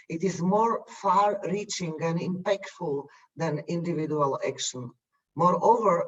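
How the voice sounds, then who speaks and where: Man speaking from far off, muffled. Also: fairly high pitch. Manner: measured, listing points one by one. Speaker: UN official panelist. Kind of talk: formal panel remarks. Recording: distant, muffled video call audio.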